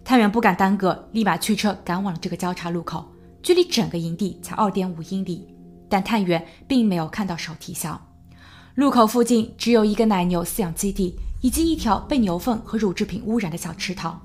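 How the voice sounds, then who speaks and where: A woman narrating a true crime podcast in a measured storytelling voice, building suspense as she goes. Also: medium pitch, darkish tone, soft background music. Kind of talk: scripted narration.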